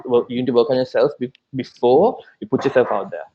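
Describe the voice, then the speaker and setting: A man's voice: medium pitch, quick pace, creaky, dull audio, slight background noise. A man in his twenties, a podcast co-host, chatting casually and laughing between filler-heavy sentences. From Sri Lanka. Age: 20s. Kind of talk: casual chat.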